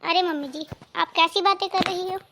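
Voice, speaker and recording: A woman's voice: very high voice, fairly even intonation, brisk, noisy background. A woman voicing a young daughter-in-law in a cartoon family drama, polite but firm when she answers back.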